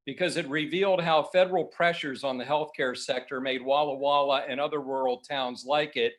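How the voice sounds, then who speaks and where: A newspaper editor speaking at a community annual meeting, reading passages aloud with frequent fillers. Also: male voice, mid-range voice, steady tone. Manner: reads quotes slowly, with many fillers.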